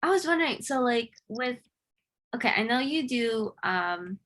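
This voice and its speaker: A woman's voice: fairly high pitch, lively intonation, measured pace, fairly bright tone. A nineteen-year-old woman hosting a casual interview, eager and chatty with gushing reactions. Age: teens.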